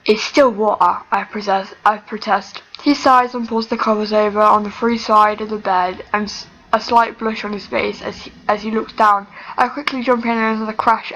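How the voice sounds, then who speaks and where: Woman reader, higher pitch, halting fan fiction reading with frequent restarts. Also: a bit bright, low-quality recording. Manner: halting, self-correcting reading.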